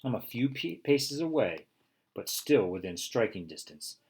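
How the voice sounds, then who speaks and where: A man narrating a children's storybook in first person, expressive with bursts of excitement. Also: mid-range voice, measured pace, slightly rough. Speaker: audiobook reader.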